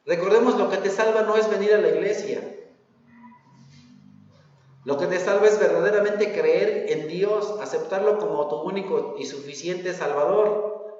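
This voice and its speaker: A man with a Mexican Spanish accent preaching a sermon, animated, full of rhetorical questions and acted-out quotes. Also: sits high, moderate pace, heavy reverb, long reverb tail, recorded from a distance, muffled recording. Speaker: pastor. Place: church hall.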